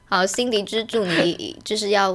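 A young woman, co-hosting a podcast in casual chat, giggly and animated. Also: mid-range voice. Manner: giggly, animated, quick to mimic friends. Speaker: podcast co-host.

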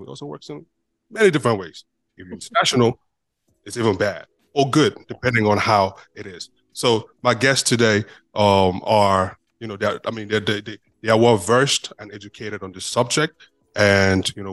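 A man's voice: lowish voice, fairly bright tone, no room sound. A man hosting a casual interview podcast, talking loosely with many fillers; he came to the United States as an immigrant. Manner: rambling, many fillers like "you know what I mean". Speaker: podcast host.

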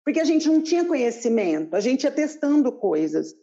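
A woman telling her life story in an interview, animated, acting out quoted voices with big jumps in pitch. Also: a little fast. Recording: dull lo-fi sound.

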